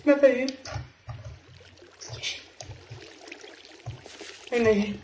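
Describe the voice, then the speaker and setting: A young woman with a French accent giving casual gameplay commentary, thinking aloud with quick exclamations. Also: fairly high pitch. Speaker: gamer. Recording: echoey room with noticeable noise.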